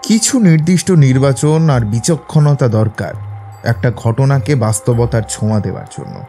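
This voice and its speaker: An actor playing Sherlock Holmes in an audio drama as an assured, philosophising gentleman detective, speaking in a measured, eloquent, lecturing way. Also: mid-range voice, animated, soft background music, lightly acted. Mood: musing, assured. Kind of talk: Bengali audio drama acting.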